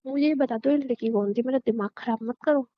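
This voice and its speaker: A woman's voice: fairly high pitch, quick pace, lightly acted. A woman playing a suspicious young pregnant wife who accuses and interrogates her husband in a scripted phone-call sketch. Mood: angry. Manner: accusing, insistent, sharp-tongued. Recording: dull lo-fi phone-call sound.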